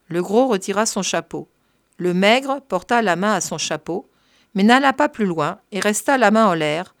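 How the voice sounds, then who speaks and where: A woman narrating a story in a measured, even reading voice. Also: medium pitch, dry recording, clean studio sound. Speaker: reader.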